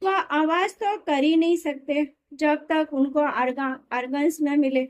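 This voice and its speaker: A woman reading a spiritual discourse aloud in a steady, explanatory way, sometimes correcting herself mid-word. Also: high voice, measured pace. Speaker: reader of a daily spiritual discourse.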